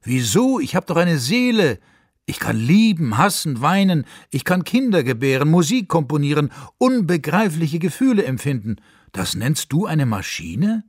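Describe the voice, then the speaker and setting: A man's voice: a little high, lively intonation, slow, darkish tone, no room sound, clean studio sound, voice pushed up. A man voicing an ordinary man who questions God in his dream, raised and agitated, read for radio. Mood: indignant. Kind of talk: story reading for radio.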